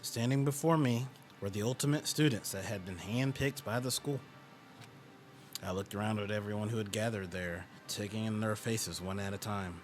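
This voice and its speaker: A man's voice: on the low side, normal speed. A man giving playthrough commentary and reading a game's story aloud in a dramatic style. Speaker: gamer reading a game aloud. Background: faint game music.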